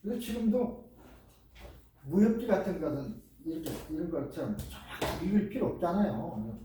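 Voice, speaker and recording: An older man, a professor giving a lecture, talking in an animated, emphatic way and repeating his key words. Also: on the high side, normal speed, slight background noise. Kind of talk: lecture on speed reading. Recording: echoey room, voice from far off.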